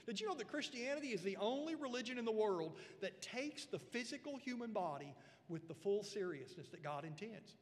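A man with a fairly high speaking voice preaches a sermon from the pulpit. He is earnest and emphatic and often doubles back on his words. His voice carries through a church sanctuary with a long reverb tail. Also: lively intonation, fairly quick. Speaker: pastor.

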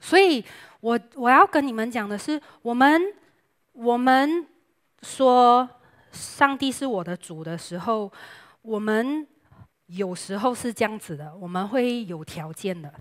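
A young woman preaching a lively sermon with jokes, chatty and playful, dropping English words into her talk. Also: fairly high pitch, measured pace.

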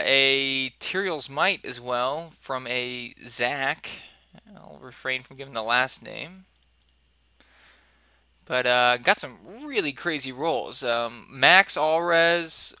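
A man co-hosting a podcast, chatting casually about listener-sent game items in a relaxed way. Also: mid-range voice, clean tone, no echo. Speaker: podcast co-host. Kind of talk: casual gaming chat.

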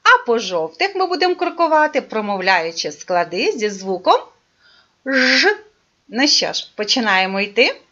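A woman leads a speech therapy lesson for small children. Her voice sits a little high and swoops lively and sing-song as she draws out her words. The recording is dull and lo-fi. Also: normal speed. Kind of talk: online lesson for young children.

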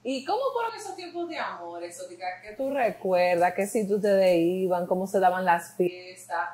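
A woman's voice: mid-range voice, expressive, normal speed, a little mellow. A woman hosting a casual interview, chatty and prompting her guest with questions. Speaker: interview host. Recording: echoey room.

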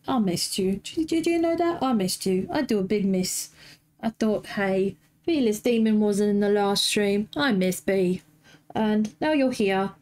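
A woman's voice: medium pitch, darkish tone, slight background noise. A woman streaming a game, chatting affectionately and playfully with her viewers. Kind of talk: casual live-stream chat. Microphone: desk mic.

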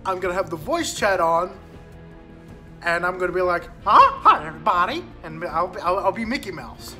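A man's voice: sits high, moderate pace, sharp tone, soft background music. A man talking casually for a gaming vlog, nervous, self-conscious and giggly. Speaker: YouTuber.

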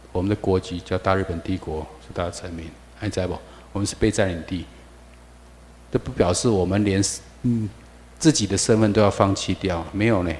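Low-voiced male lecturer with a Taiwanese Mandarin accent, quizzing his class, lots of hall reverb. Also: a little mellow. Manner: asks the class rhetorical questions, switching into Taiwanese.

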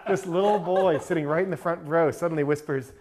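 Wry storytelling man, a bit high. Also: a little fast, crowd noise. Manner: wry storyteller, many fillers. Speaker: author. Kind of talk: anecdotal panel conversation. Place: stage before a live audience.

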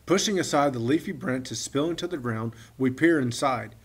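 A man narrating a children's story with gentle expression. His voice sits in a middle register and has a husky, breathy grain. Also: mid-range voice, normal speed. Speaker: audiobook reader.

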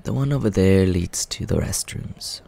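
Man playing Scaramouche, a deep, creaky, suave vampire. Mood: relaxed, explanatory. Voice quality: low, creaky, soft. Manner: unhurried, smooth-mannered, teasing. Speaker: ASMR roleplay performer. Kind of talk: soft ASMR roleplay, addressing the listener.

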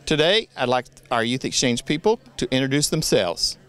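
Speaking outdoors among the trees, a district governor in his sixties gives club members a prepared address through a handheld mic held close to his chin. His voice is medium-pitched, smooth and fairly bright, with lively intonation, and he sounds earnest and measured despite a few small restarts.

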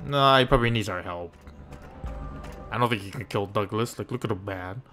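A man's voice: on the low side, a little fast, bright, forceful tone. A man giving casual, wisecracking let's-play commentary while gaming, easily surprised. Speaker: gaming YouTuber. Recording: voice over game music.

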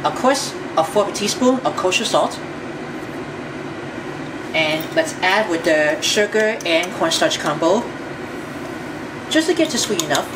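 A woman's voice: lowish voice, big pitch swings, unhurried, pauses often. Woman demonstrating a recipe, distant mic. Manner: step-by-step, chatty, repeats phrases. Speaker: cooking show host. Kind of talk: home cooking demonstration. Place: home kitchen. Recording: distant mic, loud room noise.

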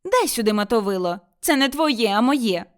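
Woman voicing a shrill scolding mother-in-law. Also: sing-song, normal speed. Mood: furious. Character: quarrelsome older village mother-in-law, sharp-tongued. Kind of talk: audiobook character voice.

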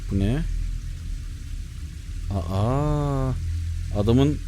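A young man giving excitable let's-play commentary, muttering to himself and bursting into shouts. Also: medium pitch, very slow, a little hiss or hum. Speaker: gaming YouTuber.

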